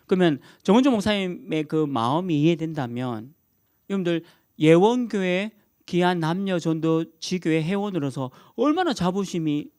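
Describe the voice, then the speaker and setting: A middle-aged male pastor preaching a sermon, emphatic and animated, repeating key words and chuckling at his own jokes. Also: fairly high pitch, no echo, clean studio sound.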